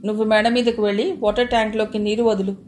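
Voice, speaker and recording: Brief: woman reading a caring homemaker sister in a storybook, brisk, warm-toned. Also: mid-range voice, little pitch movement, a little hiss or hum, natural voice. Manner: brisk, scolding yet affectionate.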